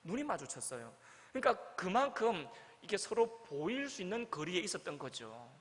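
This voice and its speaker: A man's voice: very animated, normal speed, fairly bright tone. A male pastor preaching a sermon, telling a story and acting out the quoted lines with dramatic swings. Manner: storytelling, acts out quoted lines with big swings in pitch and volume. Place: church sanctuary. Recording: church hall with long reverb.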